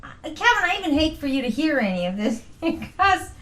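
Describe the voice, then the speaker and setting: A woman being interviewed in a casual family conversation, talking in an animated, playful way with frequent laughter. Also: high voice, a little fast. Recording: roomy recording with faint noise.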